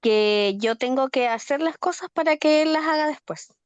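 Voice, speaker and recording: A woman's voice: high voice, normal speed, dry recording. A woman student sharing an earnest personal example in class. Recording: dull lo-fi call audio.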